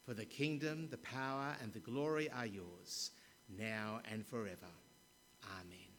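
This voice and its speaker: A man leading a church congregation in prayer, reciting calmly and steadily, with the long echo of a large church hall around him. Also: on the low side, a little slow. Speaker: service leader. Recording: long church hall reverb, faint hum.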